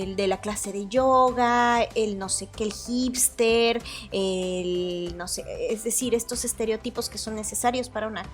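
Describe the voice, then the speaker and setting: A woman with a Mexican Spanish accent hosting a solo podcast, talking in a chatty, hedging way and often correcting herself. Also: on the high side. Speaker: podcast host. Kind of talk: casual solo podcast commentary.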